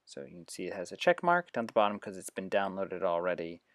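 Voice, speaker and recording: An educator with a low-sitting, very animated voice talks fast while demonstrating reading apps in an informal, explanatory screen demo with read-aloud passages. The recording is dry with clean studio sound.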